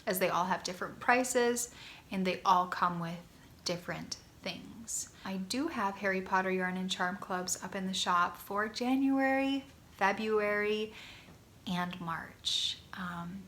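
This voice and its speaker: A knitting podcast host chats casually and gushes enthusiastically in her vlog, filmed in a guest bedroom at home, with frequent ums. Her mid-range voice is slow, a bit bright and a little congested, with some hiss or hum in the recording.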